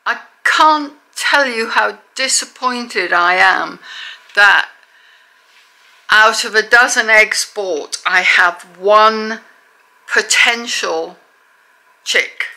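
A retired woman talks through her home vlog at an unhurried, deliberate pace. Her voice is bright and clear, and her tone is chatty and self-deprecating. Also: mid-range voice, poor audio. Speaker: vlogger. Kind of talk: casual home vlog narration. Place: rural home.

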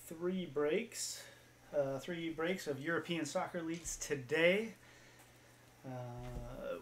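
A man's voice: on the high side, a little hiss or hum. A man hosting a card-break livestream, chatting casually with viewers in an easygoing way with lots of fillers.

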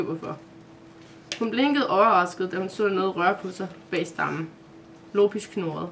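A woman reading a children's advent-calendar story aloud at a steady pace, with small self-corrections. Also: mid-range voice, slight background noise.

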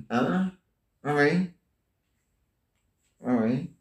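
Expressive and fairly high in pitch, a man stretches out his words while delivering a rambling, made-up comic monologue as an amateur solo stage act. He talks casually to imagined listeners, tacks on questions, and leans constantly on "hein?" and "ah ouais", all in an echoey room.

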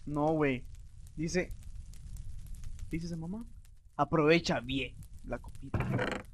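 A young man with a Mexican accent doing excitable, swear-filled gameplay commentary, reading in-game signs aloud. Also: a little high, slow, background noise. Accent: Mexican Spanish. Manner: excitable, swears, yells when startled.

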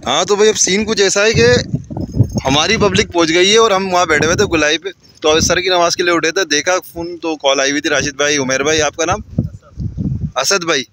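A man's voice: on the high side, steady tone, normal speed. A man in his thirties with a Karachi Urdu accent, chatting casually as he vlogs a fishing trip and explains things as he goes. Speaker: vlogger. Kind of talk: casual vlog narration. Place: outdoors, in a car and by the sea. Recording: noisy outdoor street and sea ambience.

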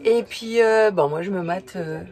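A woman in her forties chatting casually as a travel vlogger, with many filler pauses, talking to a camera held at arm's length. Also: medium pitch, a little mellow. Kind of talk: casual vlog narration. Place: camper van and outdoor campsite. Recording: noisy road and vehicle background.

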